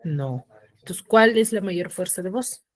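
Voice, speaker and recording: A woman teaching an online class with a somewhat low voice and a patient, questioning way of talking. She slows down to sound out syllables, and the recording is dry and close, with no room echo. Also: animated.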